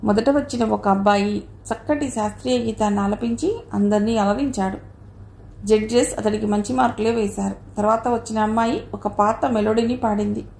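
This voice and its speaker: Lady reading a novel out loud, steady, echoey room, bit of hiss. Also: on the high side, creaky. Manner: steady, storytelling. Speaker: audio novel narrator. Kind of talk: scripted narration. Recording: roomy echo, faint noise.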